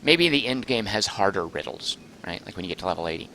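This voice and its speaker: A man streaming a game live, chatting excitedly, thinking aloud and reading chat messages aloud, close to his microphone. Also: deep voice, quick pace. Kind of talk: live gameplay commentary.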